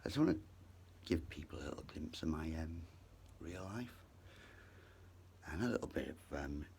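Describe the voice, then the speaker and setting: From his bedroom, a British man talks to viewers in a meandering, rambling vlog, drifting between asides and having some difficulty with his R sounds. His very deep, slightly mellow voice is animated at a normal speed, with slight background noise.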